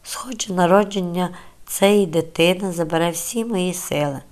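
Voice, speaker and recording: A frail young pregnant woman, as an audiobook narrator puts her on, with a soft, trembling voice pitched a little low. She pleads tearfully and sounds fragile. It is a storybook reading of a quiet, scared figure. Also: normal speed, natural voice. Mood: sad, resigned.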